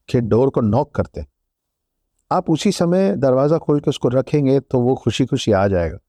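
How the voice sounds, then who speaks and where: A man being interviewed as an author, giving earnest, measured advice in reflective talk. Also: medium pitch, dark tone, no room sound. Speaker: author guest. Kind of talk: reflective interview talk, mixing Hindi and English.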